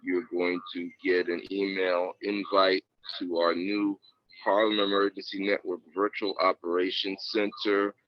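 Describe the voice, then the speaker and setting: A man's voice: deep voice, flat delivery, dry recording. A man working as net control, reading announcements over a two-way radio in careful radio procedure with frequent "uh" fillers. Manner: measured delivery with many uh fillers. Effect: heard over a two-way radio. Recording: muffled radio audio with faint hiss.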